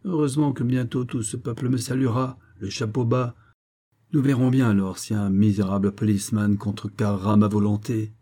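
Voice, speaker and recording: A haughty billionaire father who grumbles and scorns, as a man reading aloud does the voice. The voice is low, dark and husky. He comes from a storybook audiobook. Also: level tone, lightly acted. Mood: muttering. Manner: gruff, scornful, quick to shout. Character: haughty, hot-tempered American billionaire father.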